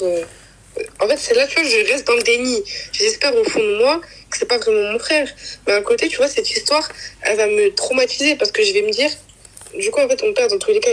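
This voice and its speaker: A young woman with a slightly high voice casually tells a personal story as a guest, rambling with fillers and acting out quoted lines. The audio quality is poor.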